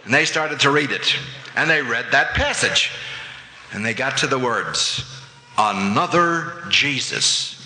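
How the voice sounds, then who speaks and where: A man preaching a sermon, telling an animated anecdote and acting out the voices of the people in it. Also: medium pitch, normal speed. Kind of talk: sermon with storytelling. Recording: echoey hall with long reverb.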